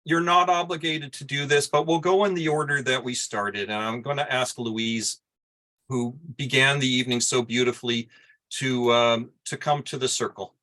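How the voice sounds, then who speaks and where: A man hosting an online reading event over a video call, gently calling on speakers one by one. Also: medium pitch, fairly even intonation, moderate pace. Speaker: event host.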